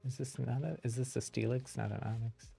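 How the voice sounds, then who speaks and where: A man's voice: medium pitch, steady tone, brisk, gravelly, mellow, faint music behind. A man wearing a retainer, giving casual, rambling game commentary as a streamer and thinking aloud.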